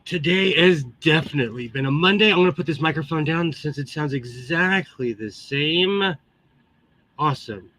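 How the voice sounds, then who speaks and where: Greeting viewers with chatty exclamations, a sewing hobbyist hosts a livestream in a fairly high, animated, sharp-toned voice at normal speed. The dry recording has a tinny, metallic tin-can microphone quality.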